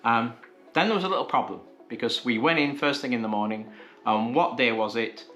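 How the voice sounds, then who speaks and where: A man in the middle of a casual vlog, his voice sitting at an everyday mid pitch. He retells a string of frustrating phone calls, slipping into the voices of each side and letting his exasperation build. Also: a little fast, fairly bright tone, faint music behind. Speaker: vlogger. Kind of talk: casual storytelling to camera.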